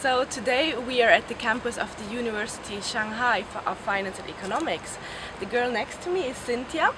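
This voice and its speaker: Woman interviewer, polite structured questions, fairly high voice, campus outdoors, street noise. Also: fairly quick. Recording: clear background noise.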